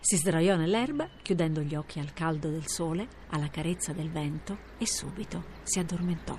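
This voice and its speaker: A woman reading a children's fable aloud, with expressive, lively storytelling. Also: low-pitched, normal speed, slight background noise. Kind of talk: fairy tale reading for children.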